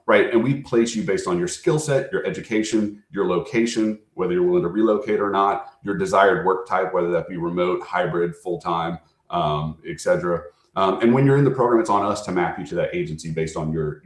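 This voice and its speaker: An American man giving an informal recruiter pitch as a program manager, talking conversationally and often checking in with his listeners. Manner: conversational, frequently checking in with "right?". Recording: echoey, roomy sound.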